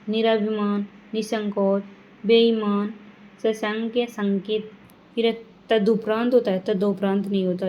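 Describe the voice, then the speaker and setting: A woman teaching a grammar lesson, reading words one by one and adding quick reminders to her students. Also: medium pitch, warm tone, low-quality recording. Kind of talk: classroom lesson reading word lists.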